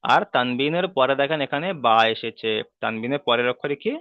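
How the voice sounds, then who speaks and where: A male Quran teacher explains reading rules in a patient, repetitive way and keeps asking his listeners checking questions. He draws out the Arabic sounds slowly when he demonstrates them. His voice sits at a middle pitch and comes through dry and tinny, like a phone line. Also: clean tone, no room sound. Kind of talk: online tajweed lesson.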